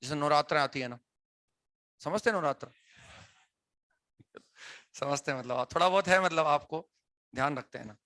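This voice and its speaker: In a classroom, a male teacher explains things conversationally to his students, asking them questions and often checking they follow, with frequent "है ना" tags. His voice is fairly high and sharp, at normal speed with long pauses, and there's no room sound.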